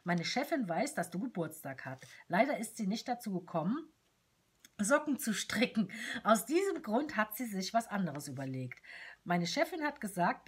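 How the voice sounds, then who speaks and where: A woman's voice: medium pitch, husky. A woman reading aloud a chirpy, playful letter written in the voice of a tiny cheerful female companion doll with short arms.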